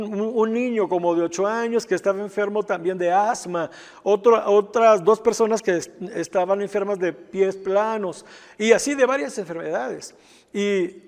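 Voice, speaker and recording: High-voiced male pastor in an echoing hall. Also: a little mellow. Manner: storytelling, with frequent asides asking "¿verdad?". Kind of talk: sermon testimony.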